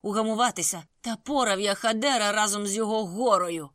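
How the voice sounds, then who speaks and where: A reader shouting as a hot-tempered young brawler. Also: a little fast, no room sound, studio quality, natural voice. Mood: furious. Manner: shouting, indignant, high-pitched outbursts. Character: hot-tempered young man, quarrelsome and insulting.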